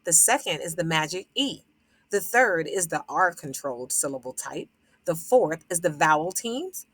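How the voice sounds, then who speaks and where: A woman's voice: deep voice, animated, unhurried, husky, dry recording. A woman teacher explaining vowel syllable types to other educators, sounding out example words and repeating them with fillers. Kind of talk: phonics lesson explanation.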